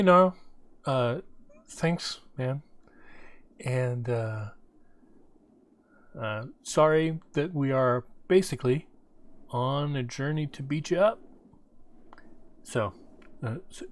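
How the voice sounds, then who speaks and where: A man's voice: medium pitch, lively intonation, slow, pauses often. A man giving casual, rambling game commentary as he thinks aloud while playing. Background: game music behind the voice.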